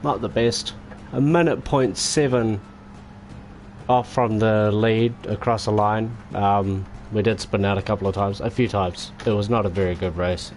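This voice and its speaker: Male streamer, low voice, tired, halting self-critical recap; light background hiss. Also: steady tone, a little mellow. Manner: rambling, self-critical, halting with many fillers. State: sore and tired. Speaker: sim racing streamer. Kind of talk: casual post-race wrap-up.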